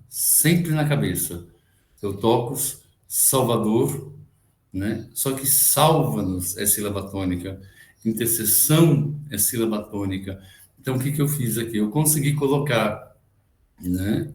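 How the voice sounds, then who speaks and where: A man's voice: lowish voice, echoey room. A man teaches Byzantine chant on a video call, explaining and tagging his points with frequent questions, now and then chanting a short phrase. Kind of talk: online music lecture with sung examples.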